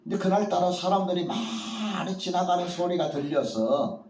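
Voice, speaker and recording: A man's voice: high-pitched, moderate pace, a little mellow, slight background noise. A male pastor giving a morning sermon in a church, telling the story vividly and acting out the voices he quotes. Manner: storytelling preacher who acts out quoted voices. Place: church at a morning prayer meeting. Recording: echoey church hall from far off.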